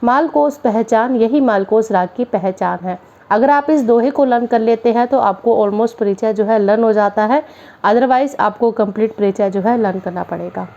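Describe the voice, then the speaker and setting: A music teacher from Haryana, India, gives a classroom-style music theory lesson in a slightly high, warm voice, with lo-fi sound. She goes through each term step by step, offering simple definitions.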